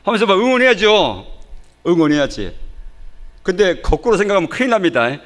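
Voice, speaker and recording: A man preaching a Sunday sermon in a church sanctuary. His pitch swings widely as he throws rhetorical questions at the congregation. His voice sits a little high for a man. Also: sing-song, fairly quick. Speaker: pastor.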